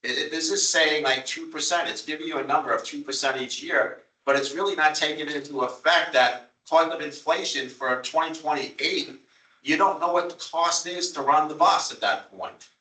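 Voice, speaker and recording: A man's voice: on the high side, fairly even intonation, normal speed, bright, forceful tone. A man with a Long Island accent arguing budget figures at a public board meeting, insistent and repetitive. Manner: insistent, repeats himself, apologetic but pressing. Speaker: town representative on a transit board. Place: meeting room. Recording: echoey meeting room from far off.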